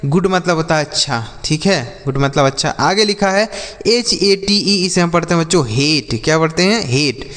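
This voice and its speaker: A man with a fairly high voice teaches children English words. He asks the class a question, then answers it himself in a lower voice, and stretches the English example sentences out slowly. The recording carries a long reverb from the room. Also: lively intonation, a bit bright. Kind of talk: spoken vocabulary lesson for children.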